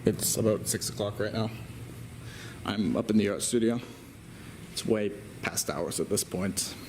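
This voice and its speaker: A man's voice: fairly low pitch, a little slow, lightly acted. A man playing a student recording a plain found footage video diary, away from the mic. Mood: matter-of-fact. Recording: noisy, distant camera audio.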